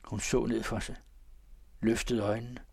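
A man reading the part of a lovesick, restless nobleman who confesses in a low, brooding way. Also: level tone, gravelly, darkish tone, breathy edge, dry recording.

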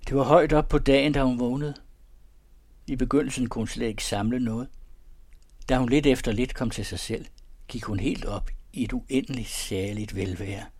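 A man calmly reading a romantic story aloud in a measured, softly expressive way. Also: mid-range voice. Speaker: narrator. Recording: dry close recording.

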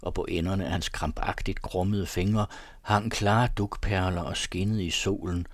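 A man narrating a literary story in a measured, ornate audiobook reading. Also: low-pitched, steady tone, dry recording.

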